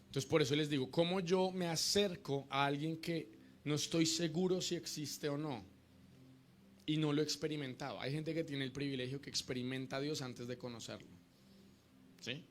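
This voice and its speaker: A man's voice: a little high, steady tone, normal speed, slight background noise. Man preaching a sermon. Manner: teaching in short repeated phrases, calls congregation to repeat.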